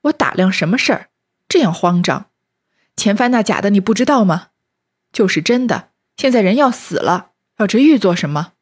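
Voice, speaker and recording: An impatient young nobleman from a classic tale, scolding and snapping at his servants, as a woman reading the story puts him on. The voice is breathy and husky. Plain storybook reading with little change of voice. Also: medium pitch, animated, normal speed. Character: harried young nobleman, scolding and short-tempered.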